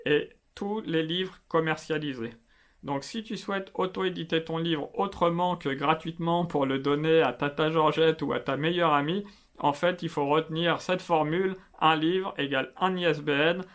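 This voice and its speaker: A man with a slightly high voice hosts a casual explainer on self-publishing. He talks in a chatty, familiar way, tutoring the viewer directly. His speech is full of little fillers. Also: a bit bright. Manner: chatty, familiar, many fillers like euh and bah. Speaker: self-publishing video host.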